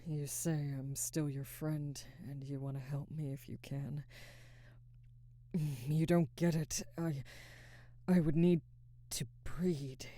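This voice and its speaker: A woman voices an adult female alpha werewolf in an intimate ASMR roleplay, conflicted, protective and barely restrained. Her husky, breathy voice sits low and steady with a warm tone, halting and sighing and often falling to a whisper. The mood is strained and hesitant, and the recording is dry.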